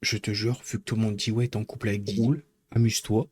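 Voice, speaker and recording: A man's voice: lowish voice, little pitch movement, very fast, breathy edge, no room sound. A man chatting casually with his live-stream viewers, rambling and joking as he teases the chat.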